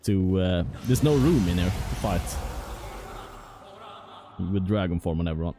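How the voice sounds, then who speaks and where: A man's voice: low-pitched, animated, a little slow, mellow, soft background music. A man casually commentating as he plays a role-playing game, thinking aloud about tactics. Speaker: gameplay commentator. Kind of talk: let's play commentary.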